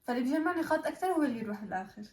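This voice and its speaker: Woman, Levantine Arabic accent, high-pitched, casual playful game talk, repeats words, echoey room. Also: lively intonation, rapid-fire, a little mellow, slight background noise. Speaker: challenge video participant.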